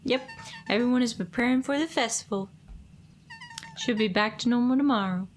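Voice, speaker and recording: A sleepy, cheerful young reporter, voiced by a woman with a fairly high voice. She speaks in a relaxed, easygoing way. Faint hiss sits behind her. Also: moderate pace, close to an everyday voice.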